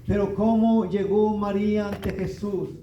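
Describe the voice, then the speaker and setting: A man's voice: high voice, steady tone, a little slow, echoey room, distant mic, lo-fi sound, a little hiss or hum. A man preaching a sermon in a church, reading scripture and asking rhetorical questions with rising emphasis.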